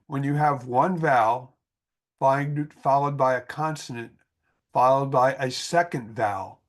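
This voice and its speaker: A man teaching an online English class, patiently explaining vowel sounds and pronunciation rules over a video call. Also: mid-range voice.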